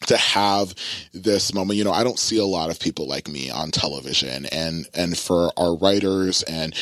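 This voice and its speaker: A man's voice: sits low, fairly bright tone, no echo. A man earnestly and effusively recalling a memorable day on set, with a few restarts. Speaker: actor recalling a shoot. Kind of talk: heartfelt interview recollection.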